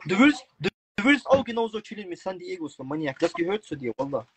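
Husky, animated man for casual livestream chat, blunt slang with Arabic interjections. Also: sits high, quick pace, low-quality recording. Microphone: phone, video call livestream.

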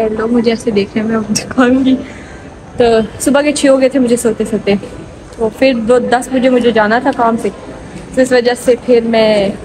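A woman's voice: fairly high pitch, background noise. A young woman, vlogging while she walks through a big shopping mall, talking into a phone at arm's length in a chatty, rambling way. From Pakistan. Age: young adult. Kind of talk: casual walking vlog. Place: large indoor shopping mall. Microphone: phone held at arm's length. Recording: busy mall ambience behind.

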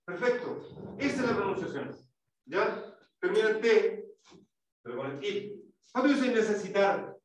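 A man's voice: high-pitched, animated, a little slow. A male English teacher giving a classroom lesson, explaining step by step, quizzing students and demonstrating sounds. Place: school classroom. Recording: echoey classroom, mic far off.

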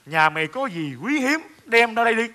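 An actor playing a bossy middle-aged man who poses as a robber, in a comic stage sketch, gruff and scolding. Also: very high voice, sing-song, brisk, pushed and bright, full character voice. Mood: menacing.

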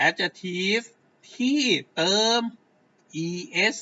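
A man's voice: sits high, drawn-out words, bright, forceful tone, muffled recording. A man teaching a grammar lesson to a class, patiently checking that they follow along.

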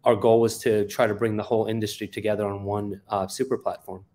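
Speaking fairly quickly in a low, slightly mellow voice with little pitch movement, an Afghan man in his forties recounts his background as a founder being interviewed. He's on a video call from an indoor office via webcam, with frequent ums and uhs.

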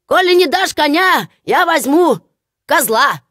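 A woman's voice: high voice, lively intonation, unhurried, dry recording, clean studio sound, voice pushed up. Woman playing a silly, gleeful peasant lad. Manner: boastful, shouting, laughing.

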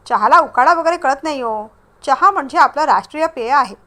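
A friendly young man waiting for his bus, chatty and a bit loud, his voice sitting fairly high, as a woman storyteller puts him on. he's warm and easygoing in this spoken storybook. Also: lively intonation, brisk.

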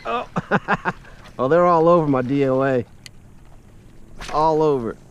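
A man hosting a fishing show from his kayak on an open lagoon, giving excited, laughing commentary to viewers, picked up by an action camera outdoors. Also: on the high side, measured pace, muffled recording, slight background noise. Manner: animated, laughing, calls out to viewers. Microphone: action camera mounted on the kayak.

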